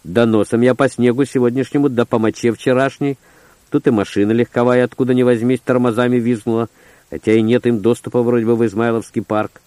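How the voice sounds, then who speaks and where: A man's voice: medium pitch, steady tone, fairly quick, mellow, no echo. Guy reading a tense first person story, terse and gritty, dry close sound. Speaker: audiobook narrator. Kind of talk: first-person audiobook narration.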